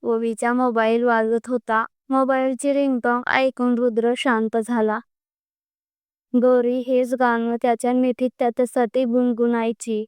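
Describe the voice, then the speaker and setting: Clear-voiced woman storyteller. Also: on the high side, little pitch movement, unhurried, no echo. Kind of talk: storybook narration.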